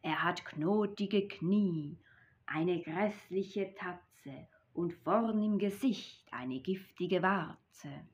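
A woman's voice: lowish voice, very slow. A woman voicing a small, clever mouse in a read-aloud storybook, bold and sure of herself, on a dull lo-fi recording.

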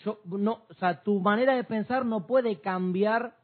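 A man's voice: sits high, a little slow. A man, co-host of a church talk, reasoning aloud with many restarts. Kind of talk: church discussion program. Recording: tinny phone-like sound.

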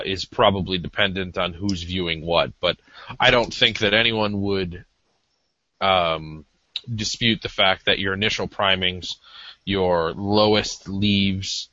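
A man with a low, bright-edged voice talks casually as a podcast co-host. He is hesitant and self-deprecating, and the recording is dry and a little lo-fi. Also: no room sound. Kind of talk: casual, discursive talk. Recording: slightly dull lo-fi audio.

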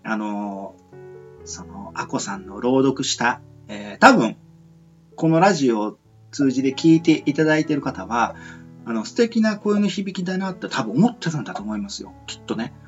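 A man with a mid-range voice and lively intonation speaks at normal speed while hosting a laid-back radio talk show. Polite but rambling and hesitant, he moves through a casual interview and sign-off chat. The audio is muffled and lo-fi, with music faintly underneath.

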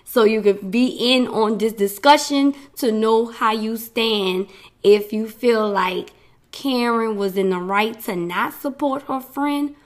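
This podcast host speaks slowly in a voice on the high side. She's losing her voice, yet she keeps up a chatty, meandering solo talk full of laughter.

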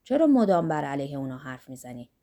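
A woman doing a deep, blunt old workman. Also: very animated, warm tone. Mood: boisterous. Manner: lusty, blunt, philosophizing. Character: earthy boisterous older Greek workman, man.

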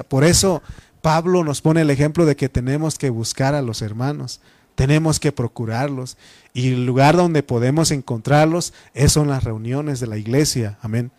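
A man's voice: a little high, a little mellow, no echo. A Mexican man preaching a Bible study sermon in a teaching manner, repeating phrases and using frequent fillers. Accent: Mexican Spanish.

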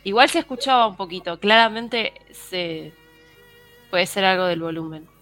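A woman's voice: medium pitch, moderate pace, a bit bright, soft background music. A woman co-hosting a podcast in casual chat, explaining things plainly.

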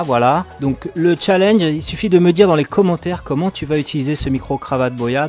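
A man hosting a casual tutorial, talking straight to the viewer in a chatty way with a few hesitations. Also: fairly high pitch. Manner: chatty, addresses viewer directly, some hesitations. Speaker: YouTube tutorial host.

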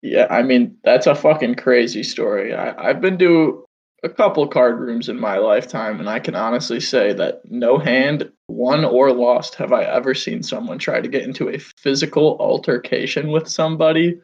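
A man's voice: medium pitch, moderate pace, creaky, a little mellow, slightly rough. A man co-hosting a podcast, chatting casually in a blunt, teasing, profane way. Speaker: podcast co-host. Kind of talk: casual chat. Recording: dull lo-fi sound.

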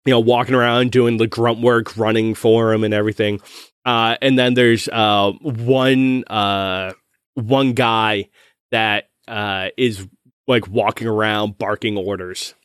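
A man's voice: on the low side, flat delivery, unhurried, clean tone, no echo, clean studio sound. A man narrating a tabletop game as game master, in a casual, rambling way with many restarts.

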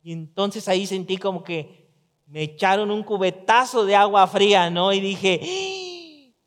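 A pastor delivers a sermon in a relaxed, talky way, slipping into little voiced quotes. His voice sits high for a man. The sound carries a long church-hall reverb. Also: moderate pace. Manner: conversational preaching with acted-out quotes.

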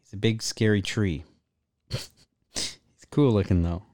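A man's voice: fairly low pitch, a little slow, a little mellow, no room sound, clean studio sound. A man co-hosting a podcast in casual chat, informal and jokey, swearing freely and saying like often. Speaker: podcast co-host.

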